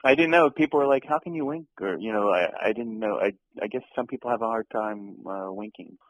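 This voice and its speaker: A young man with a very low, deep voice talks in a relaxed interview. He stumbles through ums and false starts. He laughs easily as he chats about his work. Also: poor audio. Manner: halting, many ums and restarts, laughs easily. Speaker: actor being interviewed. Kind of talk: casual interview chat.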